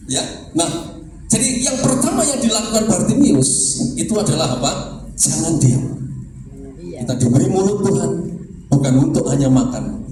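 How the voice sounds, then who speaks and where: A man preaching a lively sermon to a congregation, asking them questions and rising high when he quotes people crying out. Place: church service. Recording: echoey room from far off, music behind.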